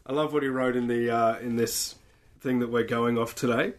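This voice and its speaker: Agreeable podcast co-host. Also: male voice, mid-range voice, fairly even intonation, moderate pace. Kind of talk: casual gaming podcast chat.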